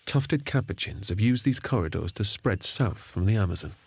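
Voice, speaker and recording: A man reading scripted nature documentary narration in a measured storytelling manner. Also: on the low side, lively intonation, a little hiss or hum. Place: studio voice-over. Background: background music.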